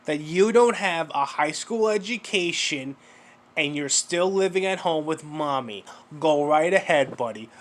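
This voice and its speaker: A man's voice: on the high side, lively intonation, a little slow. A man giving mocking reaction commentary, sarcastic and profane, lecturing the person in a clip.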